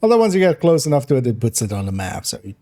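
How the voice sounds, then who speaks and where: A man's voice: medium pitch, big pitch swings, very fast, dark tone. A man streaming a video game, chatting casually as he plays, rambling and giggling, often restarting his sentences. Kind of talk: casual gameplay commentary.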